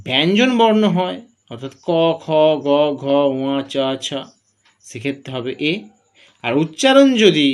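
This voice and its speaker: A man teaching grammar, who asks questions and answers them himself while drilling through examples. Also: a little high. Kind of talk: classroom-style explanation.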